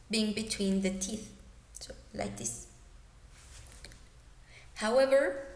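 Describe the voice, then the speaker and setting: Slow, careful young woman teaching pronunciation. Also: mid-range voice. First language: Spanish. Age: young adult. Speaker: student presenter. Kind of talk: pronunciation lesson. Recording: echoey room.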